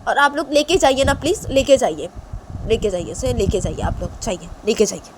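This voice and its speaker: A woman voicing a grieving father who angrily orders a girl out of his house, repeating short loud commands. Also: fairly high pitch, a little slow, background noise, voice pushed up. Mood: angry. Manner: loud, repetitive, dismissive commands. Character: angry grieving father sending girl away.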